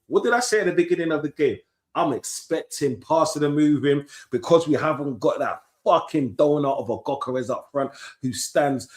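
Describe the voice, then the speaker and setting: A man in his thirties, commentating on a match live for his stream. His banter is loud and full of slang, and he breaks into sudden shouts. A roomy echo hangs on his mid-pitched voice. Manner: animated, swearing, London street slang, bursts of shouting. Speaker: football watchalong streamer.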